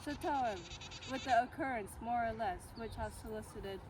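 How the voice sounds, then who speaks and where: A woman's voice: fairly high pitch, normal speed, lightly acted. A woman acting a faint, dying young prince, noisy recording. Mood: fading, dying. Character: dying young male prince, tragic stage duelist. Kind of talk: amateur Shakespeare scene acting. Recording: clear outdoor traffic noise, distant at times.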